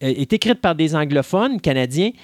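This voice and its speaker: A man with a Québécois accent, voice pitched a little high, holds forth in a casual podcast chat. He is opinionated, talks at length and often restarts his sentences. The sound is dry and close. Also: expressive, fairly quick, a little mellow, dry recording. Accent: Québécois French. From Quebec.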